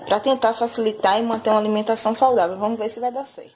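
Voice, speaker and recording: Her voice sits a little high and a little mellow, with fairly even intonation and a rapid-fire pace. A Brazilian woman in her thirties, she lists her monthly groceries for a home vlog in her kitchen, chatting with fillers like "né," filmed on a handheld phone over slight background noise.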